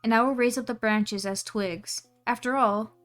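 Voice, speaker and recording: A woman's voice: on the high side, steady tone, normal speed, fairly bright tone, soft background music, natural voice. A woman doing a chirpy, plucky little tailor. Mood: cheeky.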